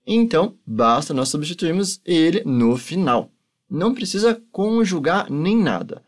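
A male language teacher with a native Portuguese background, who talks at an unhurried, deliberate pace. His pitch moves around a lot as he explains, and he patiently drills each phrase slowly for the listener to repeat. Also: very animated. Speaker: German teacher. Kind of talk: language lesson.

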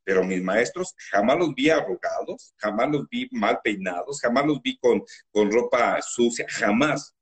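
A man with a Mexican accent, a guest in an interview, telling stories from his life in a loud, animated, emotional way. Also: mid-range voice, a little slow, few pauses. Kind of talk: emotional storytelling.

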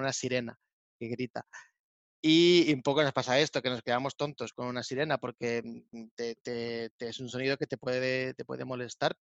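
A man's voice: mid-range voice, creaky, fairly bright tone, no room sound. Male co-host, explainer, plays with sound effects; dry, slightly muffled recording. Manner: explanatory, imitates sounds playfully. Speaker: Spanish teacher podcast co-host. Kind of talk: casual teaching chat.

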